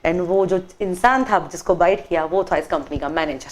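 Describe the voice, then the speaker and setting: This woman has a lowish voice and a moderate pace. As a guest meditation workshop trainer in a studio TV interview, she explains her workshops and tells an expressive story, giving each character in it a voice.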